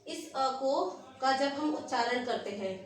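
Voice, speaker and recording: A woman teacher giving an online lesson to small children, explaining slowly and step by step and stressing sounds when she demonstrates them. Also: high voice, lively intonation. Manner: slow, careful, explains step by step. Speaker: nursery Hindi teacher. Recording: echoey room, recorded from a distance, with noise.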